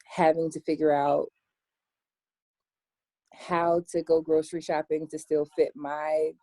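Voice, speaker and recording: A young American woman answering interview questions in a relaxed chat, with plenty of "um" and "like". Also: sits low, a little slow, no echo. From United States. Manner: chatty, many "um" and "like" fillers. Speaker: interview guest. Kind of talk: casual interview.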